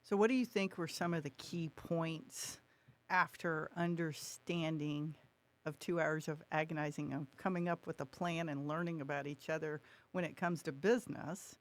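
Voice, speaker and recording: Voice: medium pitch, fairly even intonation, moderate pace. A podcast host asking long, winding questions of guests in an interview.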